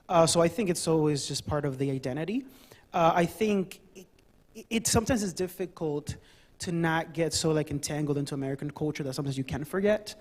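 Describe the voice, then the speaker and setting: A man in his late twenties from the Dominican Republic, talking loosely as an artist on a panel, with lots of "like" and "uh". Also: a little high. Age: late 20s. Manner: loose and conversational, many fillers and "like"s. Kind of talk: casual panel talk.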